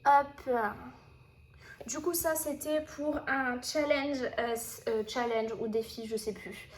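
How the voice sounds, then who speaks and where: A woman's voice: high voice, fairly even intonation, takes it slowly. A woman chatting casually to camera about her finished coloring pages, with many fillers and restarts. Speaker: coloring hobby vlogger.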